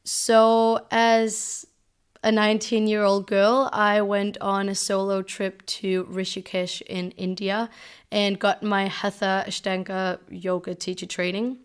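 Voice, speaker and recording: A woman in her twenties from Denmark, hosting a podcast and talking in a gentle, reflective way. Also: medium pitch, level tone, slow pace, clean tone. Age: 20s. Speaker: podcast host. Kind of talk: casual solo podcast talk.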